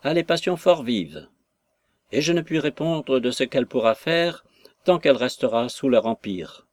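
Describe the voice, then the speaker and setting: Soft-spoken, pleading young daughter in a storybook reading, as a male narrator puts her on; dry close sound. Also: medium pitch, lively intonation, normal speed, no echo, lightly acted.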